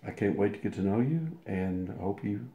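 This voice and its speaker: With the highs cut off, the older man's fairly low, mellow voice sounds animated at a moderate pace. He's an interview guest rambling through a long personal story, restarting and acting out quotes, in an echoey room.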